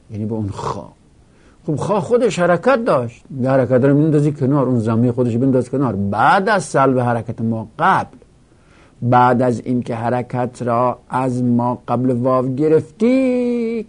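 A man's voice: mid-range voice, a little mellow. Guy teaching grammar, chants the conjugation lists over and over, patient explainer. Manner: recites verb conjugations in a rhythmic drill. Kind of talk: Arabic grammar lesson taught in Persian.

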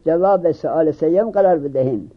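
A man teaching a seminary-style grammar class. His voice sits a little high, and he keeps asking questions and then answering them. The recording is muffled and lo-fi. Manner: questions students and answers himself. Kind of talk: classroom lecture on Arabic grammar. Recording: dull lo-fi recording.

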